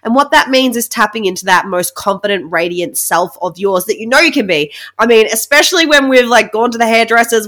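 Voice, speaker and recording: A woman's voice: medium pitch, a bit bright. A woman in her thirties hosting a casual solo podcast as a coach, chatty and emphatic, sounding nasal and congested from a blocked nose. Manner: chatty, informal, emphatic with check-in tags like "right?". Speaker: podcast host and money mindset coach.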